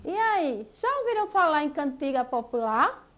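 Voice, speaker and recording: A woman's voice: high voice, very animated, normal speed, over loud music. A Brazilian woman teaching a school lesson, patiently stretching out example words syllable by syllable. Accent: Brazilian Portuguese.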